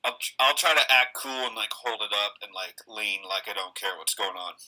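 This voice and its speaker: Low, very bright-voiced male player. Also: moderate pace, poor audio. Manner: laid-back, short replies. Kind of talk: casual tabletop play.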